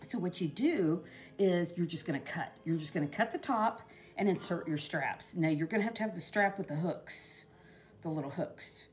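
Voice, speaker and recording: Chatty woman, lively rambling voice. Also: lowish voice, normal speed. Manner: rambling and chatty, full of "you know". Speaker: craft vlogger. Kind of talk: casual crafting demo talk. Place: indoors at a craft table in a home.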